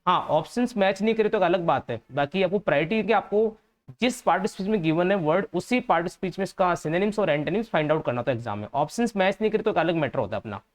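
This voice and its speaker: A man's voice: high voice, expressive, fast talker. A man with a Hindi accent teaching an English vocabulary lesson for exams, patiently explaining and repeating each word's meaning.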